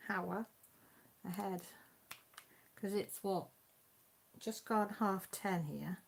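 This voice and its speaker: Her medium-pitched voice is gravelly and extremely slow, and there's a little hiss or hum in the audio. She's a YouTube host with a Radnorshire accent from Mid Wales, running a casual live chat where she reads comments aloud. Homely and chatty, she laughs frequently.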